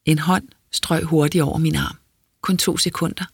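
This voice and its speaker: Audiobook narrator, first-person, measured, introspective, husky, dry close recording. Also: mid-range voice, fairly even intonation, no echo.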